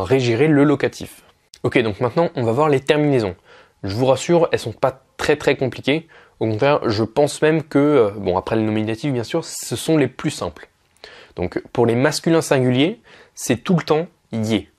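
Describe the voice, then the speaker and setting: A man's voice: medium pitch, darkish tone. Young male tutor, online lesson, talks it through with frequent fillers and restarts. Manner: explains step by step with many fillers and self-corrections. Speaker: language teacher.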